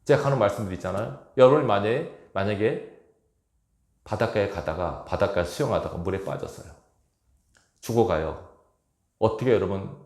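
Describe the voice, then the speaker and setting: A man's voice: low-pitched, gravelly, darkish tone. A male pastor preaching a sermon with emphasis, asking his congregation rhetorical questions, recorded in an echoey church hall. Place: church sanctuary.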